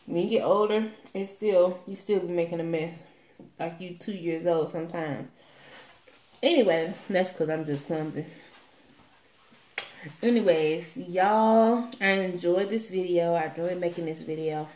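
Low-pitched young woman chatting in an echoey room. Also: measured pace, a little mellow. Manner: playful, rambling, folksy. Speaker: vlogger hosting an eat-with-me video. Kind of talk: casual chatty vlog to camera. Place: small room indoors. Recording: roomy echo from phone recording.

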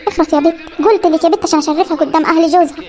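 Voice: extremely high pitch, fairly even intonation, mellow. An actor voicing a bossy, scolding Upper Egyptian village mother in a comedy cartoon, with an Upper Egyptian accent. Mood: insistent. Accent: Upper Egyptian Arabic. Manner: scolding, ordering, quick threats.

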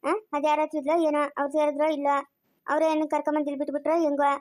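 A woman's voice: high-pitched, monotone, very fast, warm tone, lightly acted. A woman playing a kind village mother who soothes and coaxes, in a home-made family skit. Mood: coaxing. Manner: soothing, then grumbling under her breath.

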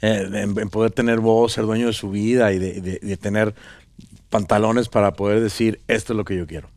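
A man in his thirties with a Venezuelan accent, a guest actor talking casually in an interview, relaxed and rambling with many fillers and restarts, on a studio set with a headset mic. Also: on the low side, fairly quick, dry recording. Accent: Venezuelan Spanish. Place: pink-decorated talk show studio set. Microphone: small headset mic.

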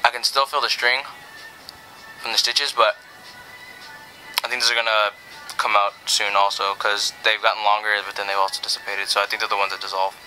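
A man's voice: fairly low pitch, bright, forceful tone, rough recording. A young man giving a laid-back, rambling vlog update to a camera close in front of him. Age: young adult. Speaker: vlogger. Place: small bedroom in daylight, indoors. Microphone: camera at close range.

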